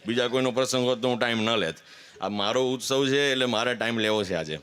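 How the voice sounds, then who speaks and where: A man's voice: medium pitch, fast, a bit bright, smooth. Earnest man telling his story. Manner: earnest, candid storytelling with emphatic declarations. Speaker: speaker giving a testimony at a religious gathering. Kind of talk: personal testimony talk.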